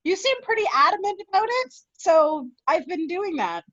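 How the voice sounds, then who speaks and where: A woman's voice: extremely high pitch, very animated, normal speed, a bit bright, dull audio. A woman playing her character at a tabletop game, cheerful and chatty. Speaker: player voicing Bruce.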